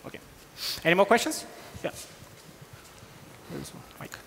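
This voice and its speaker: A man's voice: unhurried, very noisy. A man in his thirties answering technical questions on a conference stage through a headset mic, explaining with frequent hesitations. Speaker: conference speaker. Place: large hall on stage. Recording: reverberant hall.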